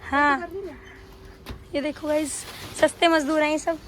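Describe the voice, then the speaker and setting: Hoarse young woman vlogging, high voice. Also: little pitch movement, a little slow, a bit bright, slight background noise. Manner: chatty, playful, addresses viewers directly. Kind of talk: casual vlog chat. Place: home rooftop with family around. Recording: crowd of family chatter behind.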